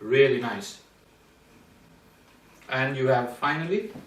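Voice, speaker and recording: A man's voice: medium pitch, lively intonation, takes it slowly. A man from Sri Lanka hosting a talk show, eagerly asking questions and often restarting his sentences. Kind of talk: interview and food tasting.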